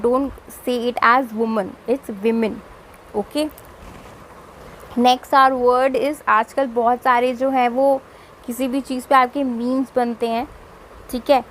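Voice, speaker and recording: A young woman with an Indian accent teaching pronunciation in a video lesson, spelling out words slowly and mixing Hindi with English. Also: a little high, a little hiss or hum, rough recording. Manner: slow deliberate word-by-word demonstration, mixing Hindi and English.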